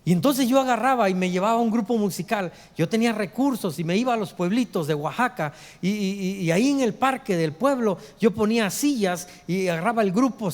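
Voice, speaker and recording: Middle-aged male pastor, high voice, dynamic sermon delivery, reverberant hall. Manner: preaches with big swings from hushed low lines to raised high quotes.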